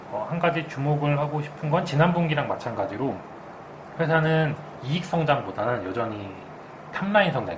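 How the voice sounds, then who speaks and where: A man gives unscripted financial commentary in a medium-pitched voice. He talks through a mask and often reconsiders his wording as he explains. A clear hiss of air conditioning runs behind him. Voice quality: speaking through a face mask. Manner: explanatory, hedges his word choices. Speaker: co-host and market commentator. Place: makeshift indoor room, not a studio.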